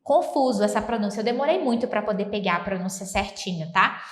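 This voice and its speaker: A Brazilian woman teaching English, speaking in an animated, playful way and giving slow, careful English examples. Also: medium pitch. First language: Portuguese. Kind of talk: lively bilingual English lesson. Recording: echoey room.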